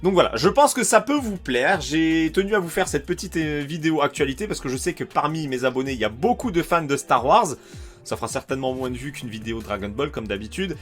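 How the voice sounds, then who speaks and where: Animated and brisk, a French YouTuber who reviews collectibles leads a casual screen-share tour of a shopping website, chatting eagerly with many fillers. His voice is fairly high-pitched and a bit bright, with soft music playing underneath.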